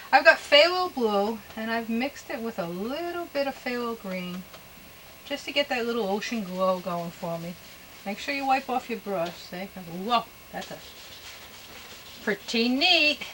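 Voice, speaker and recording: A woman teaching painting step by step in a gentle, easygoing, encouraging way, with folksy, chatty asides to herself. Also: a little high, slight background noise, rough recording. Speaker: painting instructor, host. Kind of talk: casual step-by-step painting demonstration.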